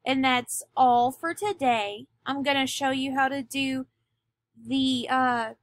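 A woman teacher giving a recorded lesson, speaking deliberately and stressing key words. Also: high voice, steady tone. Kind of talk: recorded classroom lecture.

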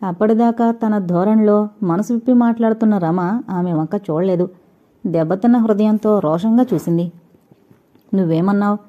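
A woman reading a novel aloud, narrating and speaking every character's lines herself with little change of voice. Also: mid-range voice. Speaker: storyteller. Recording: dull lo-fi recording.

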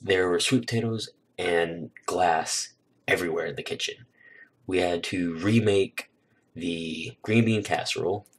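A man's voice: sits low, unhurried, slightly rough. A young man casually telling a holiday story on his vlog, rambling with lots of fillers, recorded on a new desk microphone. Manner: relaxed, rambling, filler-heavy. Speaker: YouTuber.

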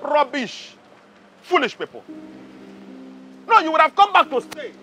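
Pompous, hot-tempered palace guard. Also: male voice, extremely high pitch, very animated, measured pace, soft background music, exaggerated voice. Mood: angry scornful. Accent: Nigerian. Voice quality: loud, scornful and pompous.

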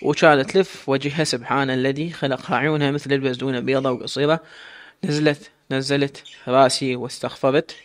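Brief: stern sheikh, thirties, fast commanding delivery, read by the narrator. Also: male voice, mid-range voice, steady tone, close to an everyday voice. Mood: curious.

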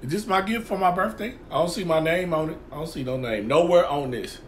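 A man voices pets for comedy in a goofy, exaggerated style, with a slangy drawl and wildly swinging pitch. He talks a little fast, with a faint hiss or hum in the recording. The voiceover is mixed with music.

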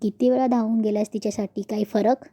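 A woman reading the part of a spiteful, sharp-tongued young woman who sneers. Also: fairly high pitch, fairly even intonation, brisk, husky. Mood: scornful.

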